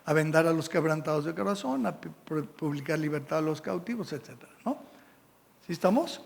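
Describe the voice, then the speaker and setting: A man's voice: on the high side, animated, a little fast, vocal fry, long reverb tail. A man with a Mexican Spanish accent preaching a sermon in a church, reading scripture and checking in with the congregation. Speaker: pastor. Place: church sanctuary.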